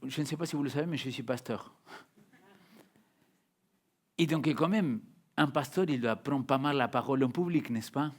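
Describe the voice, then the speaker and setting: A young adult man preaching a sermon as a pastor, speaking French with a non-native accent, emphatic, swinging between loud and hushed, repeating words. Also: medium pitch, moderate pace, long pauses.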